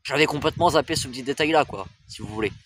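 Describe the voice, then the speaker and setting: A man's voice: medium pitch, racing, noisy background. A young man talking casually to his camera as a train-spotting vlogger, rambling, often stumbling and correcting himself. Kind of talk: casual face-cam vlog.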